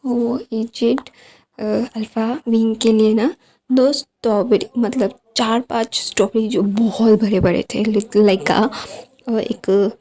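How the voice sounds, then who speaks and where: A woman's voice: a little high, fairly even intonation, slow pace, mellow. A woman casually retelling a fan story, rambling with many fillers and English words mixed in. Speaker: storyteller, channel host.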